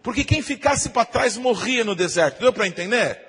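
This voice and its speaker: A Brazilian pastor preaching a sermon, often asking the congregation "amém?" and imitating shofar blasts. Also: male voice, high-pitched, lively intonation, brisk, a bit bright, breathy edge, in a large hall. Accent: Brazilian Portuguese.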